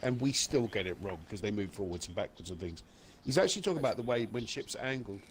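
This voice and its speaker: A man's voice: on the low side, expressive, fast talker, a little hiss or hum. A man chatting casually and playfully on a gaming livestream, explaining tactics and joking with viewers. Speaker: live streamer and gaming community host. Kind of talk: casual chat and game advice on a livestream.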